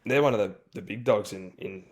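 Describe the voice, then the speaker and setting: A man with a fairly low voice gives a casual interview as a guest. He tells stories in a laid-back, slangy, colloquial way. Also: brisk, a little mellow. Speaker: interview guest, rugby league player for a national team.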